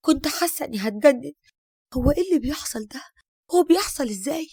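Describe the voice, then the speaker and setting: A woman's voice: sits high, lively intonation, quick pace, a little mellow, no echo. A woman with an Egyptian accent telling a dramatic first-person story, often exclaiming. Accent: Egyptian Arabic.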